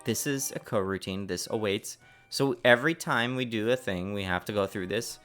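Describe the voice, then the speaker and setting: A man's voice: on the low side, moderate pace, fairly bright tone, soft background music. A man developing a game on a livestream, rambling with lots of fillers and swearing at his code. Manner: swears and blurts confused exclamations. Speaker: indie game developer streaming. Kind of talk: casual livestream chat while coding.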